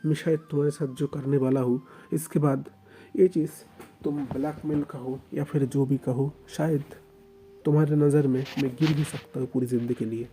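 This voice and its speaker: A man voicing a dominant, possessive young mafia husband in a storybook romance, talking low and coaxing. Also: warm tone, slight background noise, natural voice. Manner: low, coaxing, then commanding.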